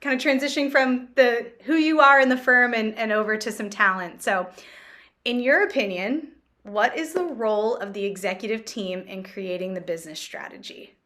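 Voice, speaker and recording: A woman's voice: fairly high pitch, normal speed, a bit bright. A woman hosting a business Q&A interview, friendly and enthusiastic as she introduces topics and asks questions. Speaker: interview host, company executive.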